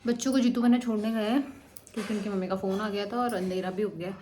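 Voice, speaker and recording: A young woman narrating her day in a casual home vlog, chatty and rambling with quick asides, recorded on a handheld phone in a village house. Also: mid-range voice, steady tone, warm tone, a little hiss or hum. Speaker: vlogger.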